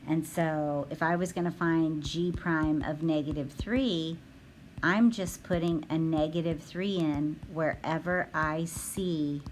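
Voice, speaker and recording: A woman teaching a recorded math lesson, talking her students through the steps out loud with frequent ums. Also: low-pitched, steady tone, slow pace, a little hiss or hum, rough recording. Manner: thinking aloud with frequent ums.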